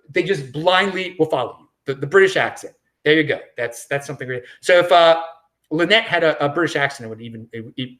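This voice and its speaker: A man hosting his own show, delivering an emphatic solo opinion monologue, repeating phrases for emphasis. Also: on the high side. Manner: emphatic, repetitive, animated. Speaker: show host.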